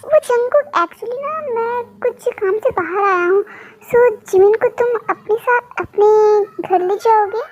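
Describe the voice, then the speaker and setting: A woman's voice: very high voice, measured pace. A woman voicing a concerned middle-aged uncle who explains a favor over the phone.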